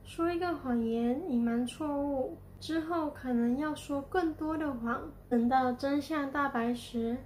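Woman doing a soft caring mom in a storybook, high voice, gently lecturing. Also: unhurried, few pauses, slight background noise, low-quality recording. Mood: gentle. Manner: gentle, instructive. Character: kind mother, gently lecturing.

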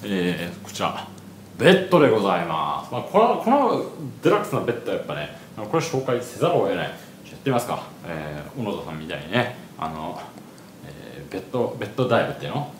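Guy rambling through a big hotel suite, quick talk, low-ish voice that jumps around, echoey room. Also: very animated, slight background noise. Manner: chatty, rambling asides with many fillers. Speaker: travel vlogger. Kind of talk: casual room tour narration. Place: large hotel suite, indoors. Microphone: handheld 360 camera.

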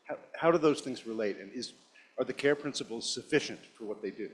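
A man's voice: medium pitch, a little fast, breathy edge. A man in the audience asking a conference speaker a thoughtful question, polite and a little hesitant.

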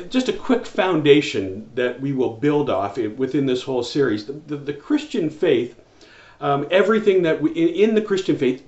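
Speaking to camera from a small indoor room lined with wall shelves, a pastor in his forties gives an earnest home church sermon with frequent restarts and fillers. His voice is mid-range and a little mellow, captured with roomy, somewhat dull sound.

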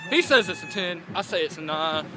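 A young adult man from North Carolina, with a Southern US accent and a lip full of dip, gives a casual, rambling, profane review outdoors in a rural yard by parked vehicles. His high-pitched voice swoops wildly and moves fairly quickly over a noisy background. The camera sits on a car about a meter away.

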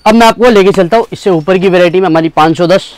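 A man with a high, smooth, resonant voice, pitching jeans in his wholesale shop. He talks persuasively and keeps coming back to the same selling points. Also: fast. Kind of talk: sales pitch.

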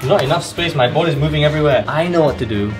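Talking fast in a voice on the high side, a young man jokes his way through a casual cooking demo in his small home kitchen. He walks viewers through every step while his partner films up close on a handheld camera, and background music plays over his voice.

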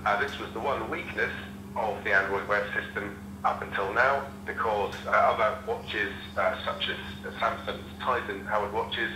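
Man, tech reviewer, heard through a smartwatch speaker on a call, low-pitched, matter-of-fact, echoey and noisy. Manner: plain, matter-of-fact explaining. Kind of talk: casual product demo.

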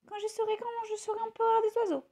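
A woman voicing a bold, cheeky young male bird in a children's story, with a high, eager voice. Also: flat delivery, quick pace, warm tone.

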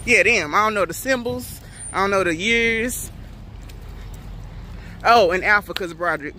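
Her mid-range voice has a sharp tone and a moderate pace as this young woman casually vlogs on a college campus. She jokes with viewers, filming outdoors with her phone at arm's length, and some slight background noise comes through.

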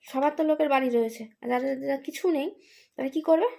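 A woman's voice: sits high, quick pace, creaky, dark tone. A woman, tired, rambling through an exasperated casual vlog monologue with many fillers. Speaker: vlogger, daughter caring for her ill father.

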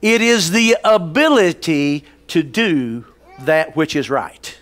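A man's voice: a little high, expressive, takes it slowly. A man, preaching a folksy sermon in a church sanctuary on a headset mic, calling out to the congregation. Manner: folksy, calls on the congregation, rises to loud preaching; paces the stage, gesturing. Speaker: pastor. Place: large church sanctuary stage.

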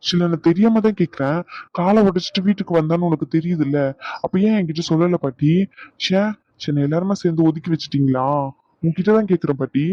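A young grandson, as a man voices him in a cartoon, coaxing and pleading in a fairly high voice. The recording is slightly muffled and dry. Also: quick pace, no room sound, close to an everyday voice.

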